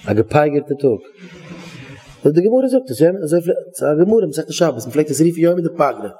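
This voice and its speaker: A man's voice: on the high side, sing-song, a little fast, warm tone, breathy edge. Rambling man giving a Yiddish sermon. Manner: rambling, repeats himself, searches for words. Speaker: rabbi giving a talk.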